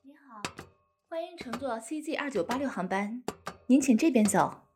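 A woman playing a flight attendant, polite and formal, greeting and addressing passengers like a cabin announcement, with a breathy voice. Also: on the high side, lively intonation, moderate pace, echoey room, big-room sound, noisy background, close to an everyday voice.

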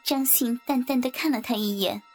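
A woman narrating a martial-arts novel in a steady storytelling manner. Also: fairly high pitch, moderate pace. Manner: steady storytelling, acts out characters. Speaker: audiobook narrator. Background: faint background music.

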